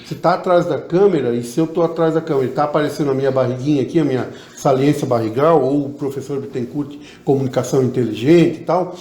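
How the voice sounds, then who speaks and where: A man's voice: medium pitch, fast, hardly any pauses, darkish tone. A man who teaches public speaking, giving tips as an interview guest and demonstrating vocal emphasis, with a Southern Brazilian Portuguese accent. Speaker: oratory teacher. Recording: echoey room.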